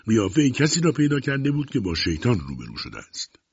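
A man with a husky, somewhat low voice tells a story in a scripted, expressive way, his pitch rising and falling freely. The recording is dry and dull. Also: no room sound. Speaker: audiobook narrator.

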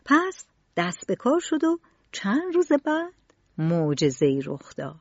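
A woman storyteller narrating a children's storybook in an expressive, varied way. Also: medium pitch, no room sound. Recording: dull lo-fi recording.

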